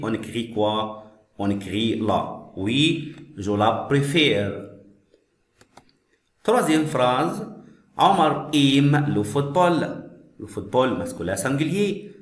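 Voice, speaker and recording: A male teacher's voice, slow and patient, repeating every phrase and then explaining it. His voice sits at an ordinary middle pitch. It echoes around the room. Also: lively intonation. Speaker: French teacher.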